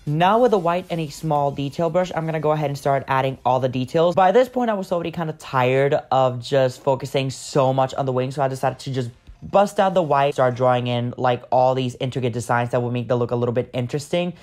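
A man's voice: mid-range voice, fairly quick, darkish tone, faint music behind. A man talking casually over his makeup video, chatty and rambling, with lots of fillers as he explains each step. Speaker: makeup artist.

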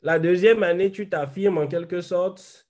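A man's voice: high voice, unhurried, a little mellow. Young man explaining his career rule. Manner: reflective, explains step by step. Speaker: panelist, software engineer. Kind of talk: online panel discussion. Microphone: video call.

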